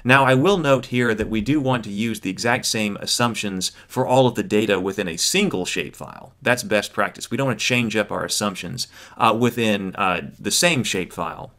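An instructor in his thirties delivers an explanatory lecture on GIS software, teaching in a didactic way with check-ins along the way. His voice is fairly low and fairly bright, and he speaks fairly quickly with few pauses.

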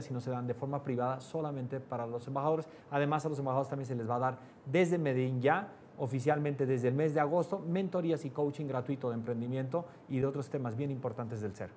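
A man teaching a live class to a small audience, often asking "¿no?" and raising or dropping his voice to stress points. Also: a little hiss or hum. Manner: varies pitch and loudness for emphasis, asks "¿no?" often. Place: class room with air conditioning.

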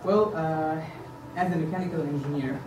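Campaigning for the board, a man in his thirties raised in Egypt addresses a meeting room from a podium in a sincere, faltering manner, dropping "uh" into his pauses. A camera far away records his somewhat high voice, so the echo of the room and a steady hiss come through clearly.

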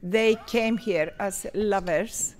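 Slow-speaking Icelandic woman conductor. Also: mid-range voice, a little mellow. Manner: slow, searching for words. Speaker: choir conductor. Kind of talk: casual interview. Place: dim rehearsal hall. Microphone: handheld interviewer's mic.

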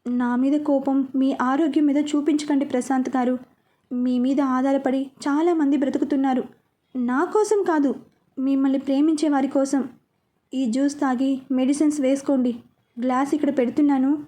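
A woman's voice: sits high, fairly even intonation, normal speed, warm tone, natural voice. A woman voicing a grieving young wife who speaks earnestly and firmly, in a storybook reading. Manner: earnest, pleading.

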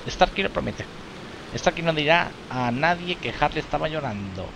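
A man's voice: a little high, expressive, moderate pace, creaky, noisy background. A man reading as an innocent little alien creature. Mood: puzzled. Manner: speaks of himself in third person. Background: game music.

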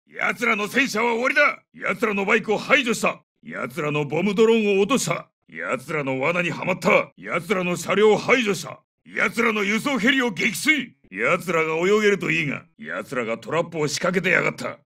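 A seasoned special forces captain from a military video game. His voice is sharp and tense, fairly high for a man and highly varied in pitch. He fires off terse, commanding battlefield callouts. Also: far from the mic, heavily acted. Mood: low, steady. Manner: terse, commanding radio-call delivery. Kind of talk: military shooter combat callouts.

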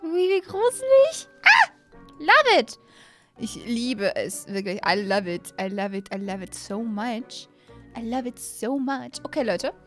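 A young adult YouTube gaming host gives excited play-along commentary on the game she's playing, her high voice very lively yet unhurried. She gushes, exclaims, repeats herself and slips in English catchphrases. She's close to a desk microphone in a small room at home, faint music behind her.

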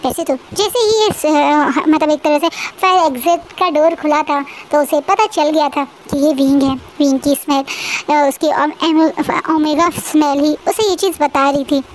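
A woman's voice: high-pitched, measured pace, a little hiss or hum, low-quality recording. A woman narrating a romance story in a chatty, emotional way, with frequent restarts.

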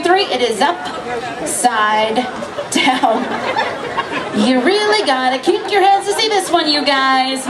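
A woman hosting a comedy stage hypnosis show, giving theatrical, repetitive commands and counts to her subjects and audience. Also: high voice. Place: outdoor open-air amusement park stage. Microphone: handheld microphone through PA, recorded by distant camera. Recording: noisy crowd, distant PA outdoors. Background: loud crowd noise and laughter.

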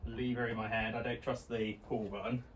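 A man chats casually outdoors as he works on a tractor, his voice sitting at a middling pitch. He talks half to himself, hopeful, with excited bursts. Faint outdoor ambience hums behind him. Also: a little fast, slight background noise. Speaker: vlogger restoring an old tractor. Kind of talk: casual commentary while working. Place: outdoors beside an overgrown tractor.

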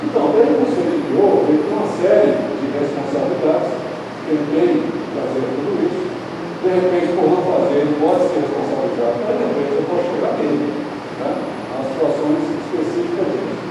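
A man's voice: on the high side, fairly quick. An older man giving a conversational lecture on law to an audience, often checking in with tag questions. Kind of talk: lecture on data protection law. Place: large hall with audience. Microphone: handheld mic, filmed from far back. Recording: echoey hall from far off, noisy.

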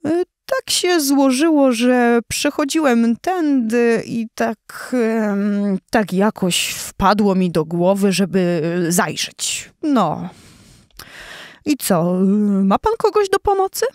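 A woman's voice: mid-range voice, lively intonation, a little slow, few pauses, darkish tone, no echo, studio quality, natural voice. Lady doing a proud lion king, looks down on everyone, kinda bossy. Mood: sheepish. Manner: scornful, blustering, later awkward and hesitant.

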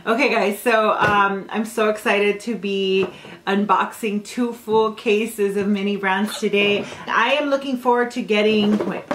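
A woman's voice: medium pitch, steady tone, unhurried. A young woman hosting a casual unboxing vlog, teasing and bossing her sister in a playful way. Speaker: vlogger. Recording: echoey room with light noise.

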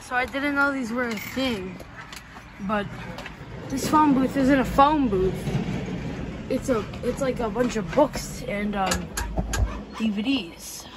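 A woman's voice: on the high side, slow pace, pauses often. A woman filming a casual travel vlog, joking and narrating in a playful, mock-epic way as she goes. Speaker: vlogger. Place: outdoors and in a car, on a trip. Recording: noisy outdoor vlog audio.

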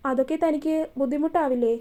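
A stern young man who gives orders and presses hard with blunt questions, as a woman storyteller reads his lines. The voice sits high yet mellow and warm, firm rather than loud. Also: fairly even intonation, quick pace, close to an everyday voice.

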